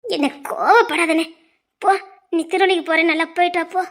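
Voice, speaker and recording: A woman playing a gentle high-voiced village sister. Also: steady tone, fairly quick. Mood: calming. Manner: gentle, soothing, consoling. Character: young village sister, kind and calming. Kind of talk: web series drama acting.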